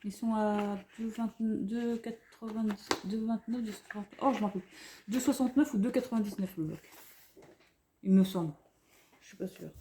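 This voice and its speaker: A French woman rambles happily through a haul in front of a camera on a tripod, gushing over every cute item. Her voice is mellow and soft-edged, full of fillers and restarts. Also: mid-range voice, normal speed, a little hiss or hum. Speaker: craft vlogger showing a haul. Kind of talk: casual haul commentary.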